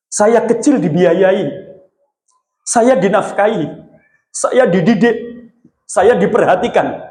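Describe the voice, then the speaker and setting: A man voicing a humble, rich grown son who pleads respectfully with his father. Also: very high-pitched. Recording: echoey hall.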